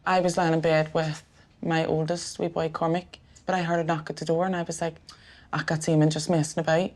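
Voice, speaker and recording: Low, flat-voiced Northern Irish woman. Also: a little fast. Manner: emotional, plainspoken storytelling. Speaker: relative of the victim. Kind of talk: documentary interview. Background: music.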